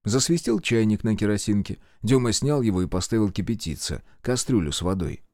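A man narrating an audiobook with expressive storytelling. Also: on the low side, a little fast, no room sound, studio quality.

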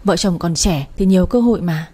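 A woman's voice: on the low side, brisk, dark tone, lightly acted. A woman voicing a caring older mother who scolds her daughter fondly on the phone.

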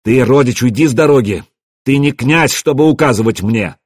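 A man voicing a furious Viking warrior who shouts hysterically, in an audiobook reading. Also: medium pitch, moderate pace, slightly rough, dry recording, clean studio sound, close to an everyday voice. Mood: furious shouting.

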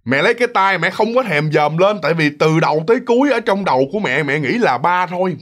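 A man's voice: sits high, animated, quick pace, a bit bright. A man with a Southern Vietnamese accent telling a ghost story in a casual, chatty way, speaking directly to his listeners and acting out the sounds.

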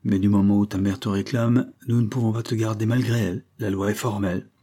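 A man's voice: fairly low pitch, steady tone, a little fast, mellow, slightly rough. A man voicing a choked-up old guardian. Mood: moved. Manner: moved, throat tight. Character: emotional older male guardian, choked up.

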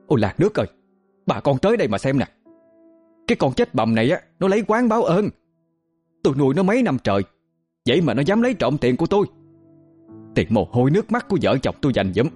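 A man voicing a cruel middle-aged peasant aunt who screeches and hurls rapid-fire abuse. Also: fairly high pitch, a little mellow, husky, voice pushed up.

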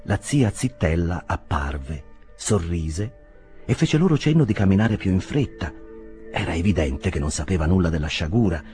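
A man reading a classic novel aloud as an audiobook, with expressive storytelling. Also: deep voice, moderate pace, soft background music. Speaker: audiobook reader. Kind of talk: audiobook narration.

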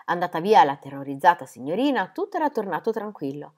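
Woman, storybook reading, animated, expressive, lively pitch. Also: fast talker. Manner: animated, dramatic. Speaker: reader.

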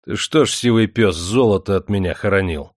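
A man's voice: on the low side, expressive, normal speed, dry recording, clean studio sound, close to an everyday voice. A man voicing a domineering, wrathful factory owner who talks in a commanding, scornful way.

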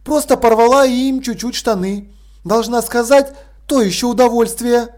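A man's voice: very high voice, moderate pace, darkish tone, pitched above the performer's own voice. A man voicing a young female watch corporal, speaking in a matter-of-fact way. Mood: dry.

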